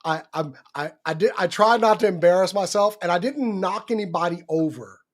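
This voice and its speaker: A man co-hosting a casual livestream, telling stories with an animated delivery. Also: high voice, fairly quick, slight background noise. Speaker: co-host.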